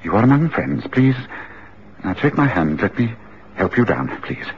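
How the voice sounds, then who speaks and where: A man's voice: medium pitch, big pitch swings, a little hiss or hum, lightly acted. Sherlock Holmes, as a man plays him. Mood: soothing. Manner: measured, gently reassuring. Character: calm, commanding male detective. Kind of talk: radio drama acting. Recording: muffled radio drama recording.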